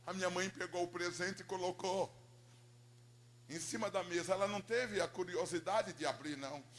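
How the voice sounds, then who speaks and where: High-voiced pastor, dramatic testimony. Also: male voice, fairly even intonation, moderate pace. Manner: dramatic storytelling, from hushed to loud. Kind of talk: emotional sermon testimony.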